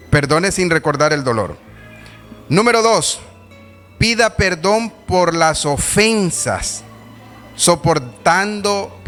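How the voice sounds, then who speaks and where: A man's voice: fairly high pitch, fairly bright tone. A man with a Honduran accent preaching a sermon, repeating his points with emphasis and asking the congregation questions. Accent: Honduran Spanish. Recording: long hall reverb with faint music behind.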